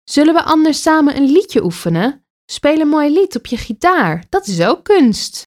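A woman voicing a kind but firm mother in a read-aloud children's story, gently explaining. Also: high voice, very animated, normal speed, pitched above the performer's own voice. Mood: encouraging. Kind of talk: storybook character voice.

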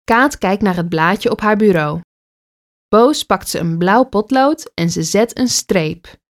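A woman reads a children's story aloud. She takes her time and lingers on each sentence. Her pitch rises and falls expressively. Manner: slow, expressive read-aloud delivery.

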